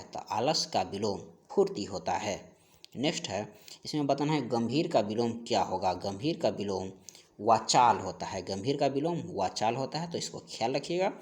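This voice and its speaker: A man with a medium-pitched voice teaches an exam-prep grammar lesson. He works through the questions and answers, repeating each answer in an instructional manner.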